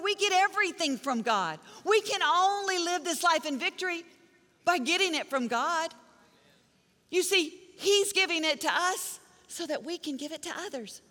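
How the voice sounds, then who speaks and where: A middle-aged woman preaching a sermon in a large church auditorium, her high, bright voice ringing with a long hall reverb. She tells stories and drives her points home with punchy, repeated phrases. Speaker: pastor.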